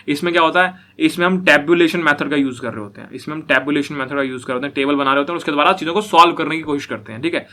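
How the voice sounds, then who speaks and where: Brief: young male programming lecturer, bright, slightly high voice, repetitive teaching style. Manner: repetitive, asks listeners if they follow. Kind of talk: classroom coding lecture.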